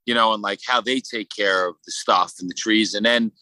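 A man with a Brooklyn accent talking casually as a podcast guest, in a halting, rambling way full of "you know". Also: fairly low pitch, fairly even intonation, bright, forceful tone, no room sound, poor audio. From Brooklyn, New York. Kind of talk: casual conversational interview.

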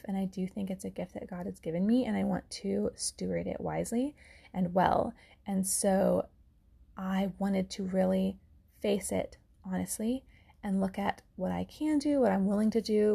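A woman, hosting a casual solo podcast in an earnest, reflective way with soft laughs. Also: mid-range voice, creaky, husky. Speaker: podcast host and author.

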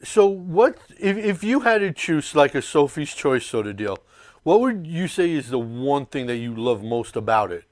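A man hosting a casual sports talk show, with a drawn-out, emphatic delivery. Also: a little high, very animated, dry recording.

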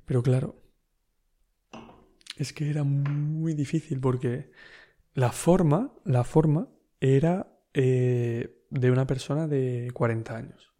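A man's voice: mid-range voice, slow pace, mellow. A man with a Spain Spanish accent, telling a story in a casual, rambling podcast monologue full of slang and fillers. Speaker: podcast host.

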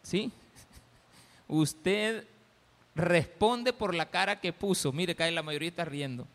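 A Salvadoran pastor preaches to his congregation in a folksy, teasing way, slipping into little acted scenes. His voice sits fairly high and sounds bright and forceful. It rings out with the long reverb of a church hall. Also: takes it slowly. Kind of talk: sermon.

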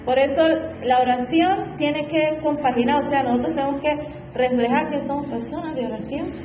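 Woman, fervent sermon, repeated refrains, higher voice, echoey room. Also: moderate pace, noisy background. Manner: fervent, repeats "hermano" and "gloria al Señor". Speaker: preacher. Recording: echoey room, dull lo-fi sound, faint music behind.

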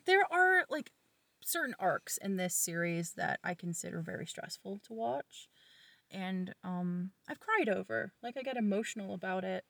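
A woman co-hosting a casual podcast, talking in a chatty, expressive, teasing way. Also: mid-range voice, normal speed, vocal fry, no room sound, recorded from a distance. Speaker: podcast co-host. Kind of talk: casual chat.

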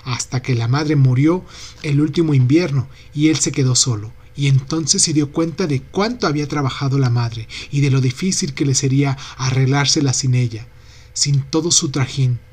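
A man narrating a literary novel in a steady, unhurried reading voice. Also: mid-range voice, slightly rough. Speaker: audiobook narrator.

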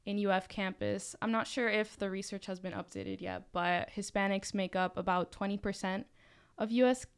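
A woman's voice: medium pitch, steady tone, normal speed, clear, resonant tone. A young woman from Miami talking casually on a podcast as a student club leader, chatty and full of fillers. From Miami, Florida. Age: young adult. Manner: chatty, with many fillers and restarts.

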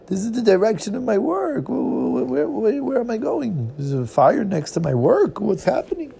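A fretful middle-aged businessman, put on by a storyteller, exclaims in a raised, gravelly voice. His pitch leaps and swings as he frets. A faint hiss sits under the recording. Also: expressive, moderate pace, dark tone. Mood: alarmed.

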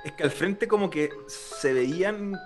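A man's voice: high-pitched, lively intonation, unhurried, soft background music. A man with a Chilean accent chiming in with short, slangy remarks in a casual podcast chat. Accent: Chilean Spanish. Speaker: podcast panelist.

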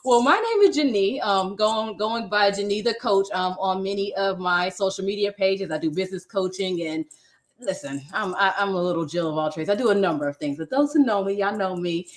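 A woman's voice: mid-range voice, a little fast. A woman business coach co-hosting a casual chat, enthusiastic and affirming.

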